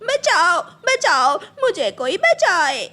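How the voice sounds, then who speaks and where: A woman's voice: expressive, unhurried. A woman voicing a greedy, scheming female crow in a Hindi cartoon, wheedling and pleading. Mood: panicked. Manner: wheedling, then shrill cries.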